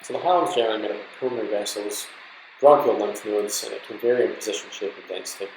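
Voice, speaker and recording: Racing through his material, a male medical lecturer teaches trainee doctors from slides in an informal, step-by-step manner. His voice is low with plenty of creak at the edges, captured in a roomy, echoey space with slight background noise.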